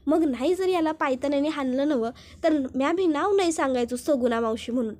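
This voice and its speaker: A woman's voice: sits high, brisk, a little mellow, lightly acted. Woman reading as scolding village auntie. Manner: scolding, blunt.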